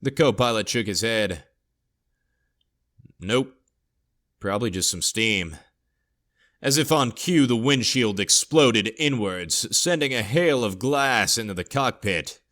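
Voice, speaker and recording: A man narrating a scripted horror story in a steady, low storytelling voice. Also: measured pace, hardly any pauses.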